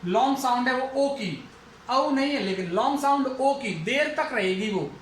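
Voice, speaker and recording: A male teacher from India giving a phonetics lesson, slowly repeating and drawing out example words. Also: very high voice, expressive. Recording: very echoey room, faint noise.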